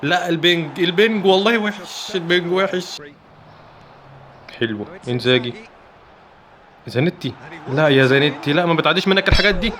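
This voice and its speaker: A man with an Egyptian Arabic accent giving excitable commentary while playing a football video game, chanting player names in quick bursts. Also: fairly high pitch. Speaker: gaming YouTuber. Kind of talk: live gameplay commentary.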